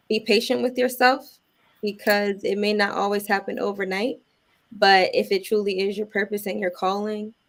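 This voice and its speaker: A woman appearing as a talk show guest, her voice at a middling pitch. She answers in a calm, thoughtful and encouraging way, in relaxed conversation. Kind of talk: casual interview answers.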